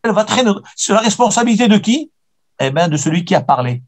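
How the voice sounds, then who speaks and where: A man's voice: sits high, big pitch swings, fast. A man teaching a Torah lesson as a rabbi, answering questions emphatically and repeating key phrases for weight.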